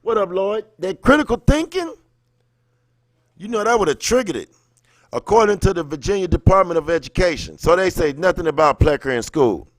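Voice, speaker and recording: Very animated and fairly quick, a high-voiced man runs a livestream informally, full of slang, moving between reading aloud and chatting with viewers. He greets people by name mid-thought, and the audio has no room sound.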